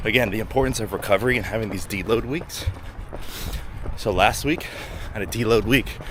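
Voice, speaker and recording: A man's voice: on the low side, fairly quick. A man vlogging casually to viewers while running outdoors, talking with effort as he moves. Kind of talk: casual vlog talk to viewers. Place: outdoors, urban, on the move. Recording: outdoor recording with loud street and traffic noise.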